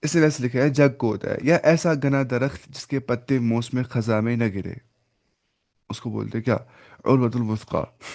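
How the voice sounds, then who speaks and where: A male Quran teacher speaking Urdu explains words methodically, raising questions and answering them, with occasional English and slow Arabic recitation. His mid-range voice is gravelly and darkish, with fairly even intonation.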